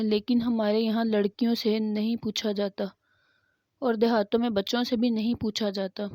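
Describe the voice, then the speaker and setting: A woman's voice: a little high, darkish tone, no echo. A woman telling religious stories in a sermon style, fervent and emphatic. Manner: fervent, emphatic, acts out quoted dialogue. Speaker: religious storyteller. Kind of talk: Islamic sermon storytelling.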